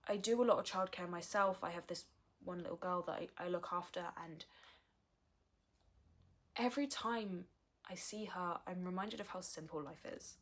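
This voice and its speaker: Frank young woman, lowish voice. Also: normal speed. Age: early 20s. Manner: frank, earnest, with swearing. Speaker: vlogger. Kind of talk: candid personal vlog talk.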